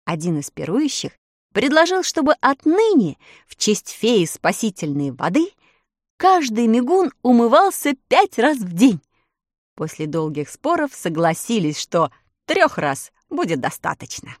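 A woman narrating a children's fairy tale aloud, with expressive, lilting storytelling and slowed emphasis. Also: on the high side, dry recording, studio quality. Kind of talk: storybook reading.

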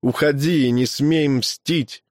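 A man's voice: medium pitch, steady tone, slow, a little mellow, no echo, studio quality, natural voice. A man voicing a dying old male teacher who forces out strained, broken phrases. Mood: pained, pleading.

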